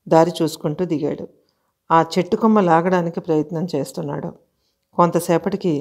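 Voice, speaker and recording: A woman narrating a horror audio story, in a calm, measured reading voice with short pauses. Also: fairly low pitch.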